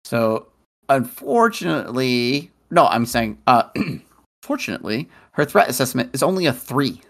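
A man's voice: mid-range voice, very animated, moderate pace, vocal fry, a bit bright. A man co-hosting a podcast in casual chat, dryly reading out card details. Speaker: podcast co-host.

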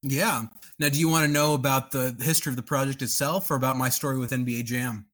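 A man's voice: mid-range voice, steady tone, fast, fairly bright tone. A man in his thirties from Texas and Pakistan, a journalist telling his story as a podcast guest in an easygoing, expansive way. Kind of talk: interview storytelling.

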